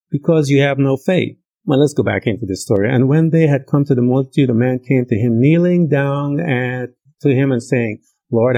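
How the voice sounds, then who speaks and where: Male preacher, husky and dark, emphatic conversational sermon, dry close sound. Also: medium pitch, dry recording, poor audio.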